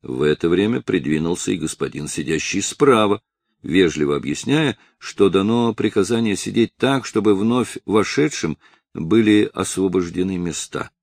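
Male audiobook narrator, gravelly, expressive, dry close mic. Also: deep voice, moderate pace, dry recording. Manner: expressive storytelling. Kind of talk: scripted narration.

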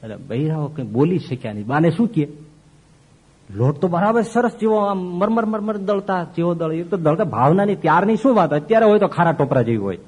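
Husky-voiced man giving an animated sermon. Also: fairly quick. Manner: animated, swings between loud emphasis and soft low asides. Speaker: swami preacher. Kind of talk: devotional sermon storytelling.

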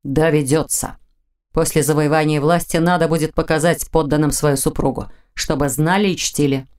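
A woman voicing a male dark mage in dragon form, speaking low, growly and commanding. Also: steady tone, moderate pace, close to an everyday voice. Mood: calm commanding. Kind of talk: audiobook character voicing.

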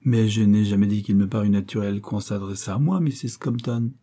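A man's voice: on the low side, fairly quick, warm tone, close to an everyday voice. A man reading aloud, voicing a prim, sly old spinster who refuses to give money.

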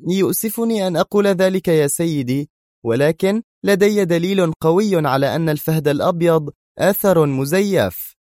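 Mona, a high tense woman professor, as a man puts her on. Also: normal speed, a little mellow, dry recording, studio quality, close to an everyday voice. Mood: nervous. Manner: tense, urgent, cutting. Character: flustered but sharp Egyptian woman history professor.

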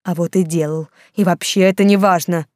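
A woman's voice: on the low side, fairly even intonation, a little fast, a little mellow, dry recording, studio quality, close to an everyday voice. A woman voicing an agitated, defiant young man in love, in an audiobook. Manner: agitated, outbursts.

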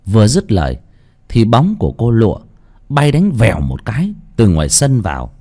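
A man narrating a horror story in a dramatic, expressive way. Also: fairly low pitch, moderate pace.

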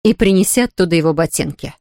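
A woman voicing a calm, firm mother in a storybook reading. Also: fairly low pitch, quick pace, dry recording, clean studio sound, close to an everyday voice.

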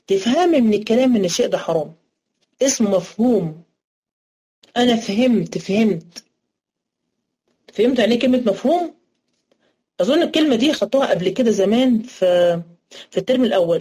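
A woman with an Egyptian accent teaches a class, her voice sitting at an ordinary middle pitch. She walks her students through each idea point by point. She keeps asking questions and answering them herself. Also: darkish tone, husky. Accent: Egyptian Arabic. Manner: explains step by step, asks and answers her own questions. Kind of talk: interactive religious studies lesson. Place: online class recording.

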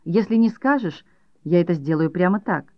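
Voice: medium pitch, normal speed, dry recording, lightly acted. An audiobook reader voicing a blunt, impatient psychiatrist who presses with curt questions. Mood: pressing. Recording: dull dry audiobook recording.

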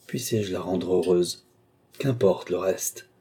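A man's voice: low voice, slow pace, dark tone, breathy edge, full character voice. A man reading an audiobook, voicing a tormented male sorcerer torn between love and ambition, declaiming in passionate murmurs and outbursts. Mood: anguished.

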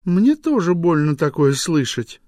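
A sharp-tongued young wife, combative and quick to snap, put on by a male narrator. Her pitch leaps wildly up and down as she taunts. The sound is close and dry. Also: big pitch swings, no room sound. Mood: bickering. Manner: mocking, provocative, quick to snap. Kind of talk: audiobook character voice.

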